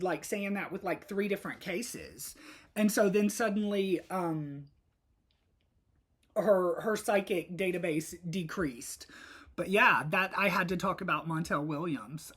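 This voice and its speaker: A woman's voice: lowish voice, expressive, measured pace, slightly rough. A woman hosting a casual solo podcast, chatty and rambling, with frequent fillers. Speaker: podcast host.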